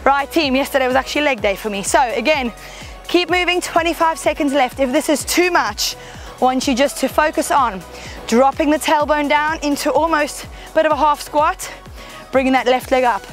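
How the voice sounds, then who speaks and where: High-pitched lady fitness coach, peppy, counting reps and a bit breathless, faint music behind. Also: moderate pace. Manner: upbeat, encouraging, counting down reps. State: slightly out of breath while exercising. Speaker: fitness instructor. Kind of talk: guided workout instruction. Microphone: headset or clip-on mic close to mouth.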